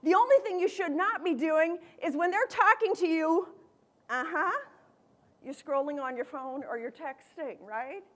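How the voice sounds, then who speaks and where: American woman, middle-aged, motivational speaker, high voice, playful and lively. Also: unhurried. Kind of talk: keynote talk to students. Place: large events hall.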